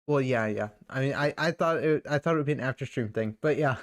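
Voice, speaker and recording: Low-voiced playful young woman streamer. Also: fast. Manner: playful, teasing, chatty with chat viewers. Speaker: podcast co-host and streamer. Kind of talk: casual streamed podcast chat.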